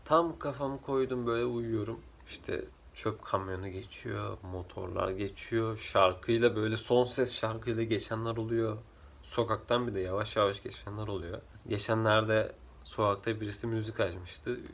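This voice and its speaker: A drowsy man chatting casually in a rambling vlog, his voice rough from just waking up, with slightly muddled L and R sounds. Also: lowish voice, fairly even intonation, moderate pace, fairly bright tone. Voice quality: trouble pronouncing L and R sounds. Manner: sleepy, rambling, jumps between topics. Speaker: vlogger.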